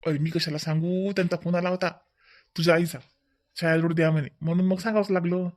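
A man plays a talkative young village husband in a cartoon family drama. He rattles on quickly. His voice is pitched high for a man. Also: little pitch movement, close to an everyday voice. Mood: explaining. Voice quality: chatty, reproachful, explaining at length. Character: fussing young husband and brother-in-law, talkative. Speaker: cartoon voice actor.

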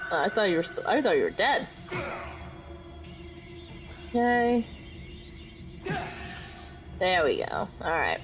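A woman giving casual let's-play commentary while she plays, muttering to herself with quick frustrated outbursts. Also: on the low side, wildly swooping pitch, low-quality recording. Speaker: gaming YouTuber. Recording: game music behind her voice. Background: game music.

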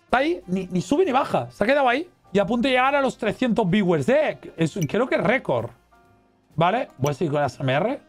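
Excitable high-voiced Spanish gamer man. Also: fairly quick, soft background music. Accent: Spain Spanish. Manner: excitable, exclamatory, cheering and reading chat aloud. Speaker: gaming streamer. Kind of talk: let's play commentary.

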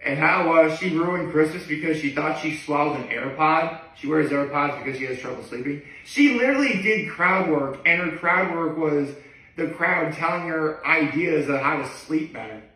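Guy in his 30s doing a rambly vlog, kinda high bright voice, super echoey room. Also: normal speed. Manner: hesitant, digressive, often backtracking. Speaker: daily video blogger. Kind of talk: casual rambling vlog to camera. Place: living room, indoors. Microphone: camera a few feet away. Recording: echoey room, distant microphone.

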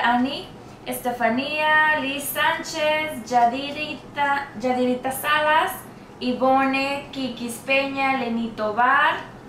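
A woman beauty vlogger giving casual shout-outs to her viewers, reading out a long list of names and tripping over some of them. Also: high voice, reverberant, slight background noise.

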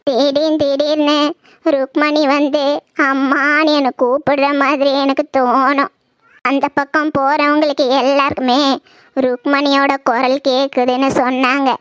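Lady doing a sad old granny for a cartoon, high voice, slow and mournful, dry mic. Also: little pitch movement, a bit bright, no room sound, muffled recording. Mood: grieving. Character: grieving old village grandmother. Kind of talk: cartoon voice acting.

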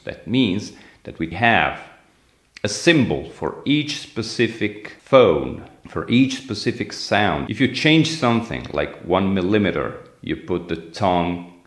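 Slow, deep-voiced man teaching phonetics. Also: echoey room. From Italy. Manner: explains slowly, demonstrating sounds with repeated words. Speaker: language teacher. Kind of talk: phonetics lesson.

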